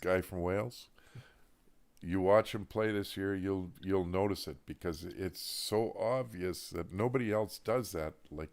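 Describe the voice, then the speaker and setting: Really low-voiced dude, mostly yeahs and quick takes on hockey. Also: male voice, darkish tone. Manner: short agreeing replies, occasional longer takes. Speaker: podcast co-host. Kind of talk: casual sports chat.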